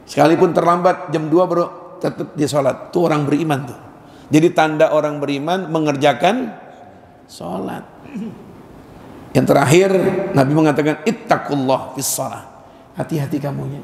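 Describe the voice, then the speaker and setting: A man preaching a sermon in a lively, joking way, acting out little dialogues between points. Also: a little high, creaky. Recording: echoey hall with faint ambience.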